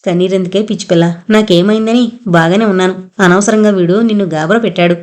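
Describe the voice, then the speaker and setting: A woman voicing a frail, ailing older mother who speaks softly and tenderly, in a storybook reading. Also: mid-range voice, steady tone, quick pace, natural voice. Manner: soft, tired and tender.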